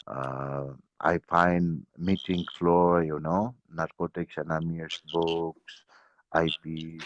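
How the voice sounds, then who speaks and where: A middle-aged man from Nepal, a guest speaking halting over a phone video call. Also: low voice, little pitch movement. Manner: slow, halting non-native English with repeated "yeah" and "you know". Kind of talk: casual video call chat. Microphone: phone without earphones. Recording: dull lo-fi video call audio.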